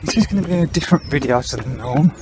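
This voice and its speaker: A man's voice: fairly high pitch, animated, background noise. A man, out of breath as he talks to the camera while running outdoors on a foggy early morning. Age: 50s. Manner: chatty and frank, with breathy pauses between phrases. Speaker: vlogger.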